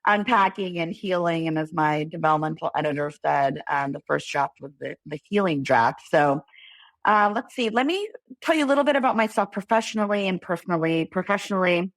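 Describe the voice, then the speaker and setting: A middle-aged author and lawyer from Los Angeles, California, with an American accent, appears as a podcast guest and tells her personal story conversationally in an interview. Her voice is on the low side, expressive and fairly quick, recorded dry.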